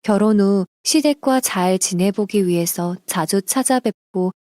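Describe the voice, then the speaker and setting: A woman narrates a submitted life story in a steady, confiding way. Her voice is mellow and warm, and the recording is dry with no room sound. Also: medium pitch, measured pace, no echo.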